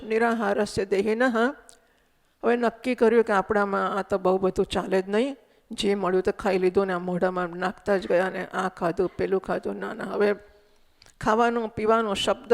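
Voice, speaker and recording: A woman's voice: on the high side, gravelly. A woman giving a spiritual discourse, explaining patiently and putting questions to her listeners. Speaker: spiritual teacher. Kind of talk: Vedanta discourse. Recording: echoey hall recording.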